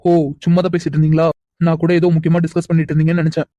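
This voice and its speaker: A woman voicing a calm, teasing young man in a cartoon, who talks in an unhurried, probing, quietly insistent way. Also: low-pitched, no room sound, close to an everyday voice. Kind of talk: animated cartoon dialogue.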